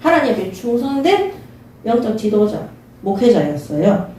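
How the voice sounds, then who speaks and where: A woman preaches, earnest and insistent, stopping often to pull her listeners back in. Her voice is mellow and dark, and it rings through a very echoey church hall. The mic sits some distance from her, with faint room noise behind. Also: on the high side, big pitch swings, moderate pace. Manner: earnest, repeats short calls for attention. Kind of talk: sermon with Bible reading. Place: church sanctuary.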